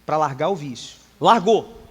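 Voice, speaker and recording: A man, a pastor, interviewing a guest with quick, probing follow-up questions. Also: on the high side, expressive, slightly rough, long reverb tail.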